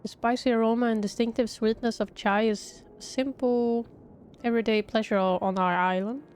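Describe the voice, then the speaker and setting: Gentle village chai brewer, read by a woman. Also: a little high, steady tone, moderate pace, clean tone, natural voice. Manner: polite, formal, old-fashioned phrasing.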